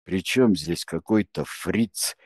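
A man voicing an indignant, contemptuous male former deputy editor with a creaky voice who sputters abuse. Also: low-pitched, slow, darkish tone, dry recording, clean studio sound.

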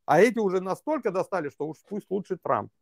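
A man's voice: sits high, expressive, fast, vocal fry, no room sound, clean studio sound. A man working as a political consultant, answering interview questions in long, reasoned stretches with many fillers.

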